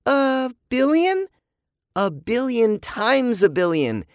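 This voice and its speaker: A woman's voice: on the high side, big pitch swings, takes it slowly, a little mellow, no room sound, studio quality, voice pushed up. A storyteller voicing a thoughtful mother who patiently explains things to her children. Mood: explaining.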